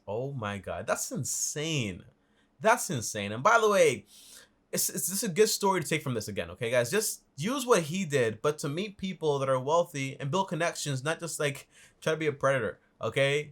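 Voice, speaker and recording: A man's voice: a little high, very animated, brisk, fairly bright tone. A man hosting a reaction show, chatting casually and rambling, repeating himself and tossing in okay and like. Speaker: host reacting to a video.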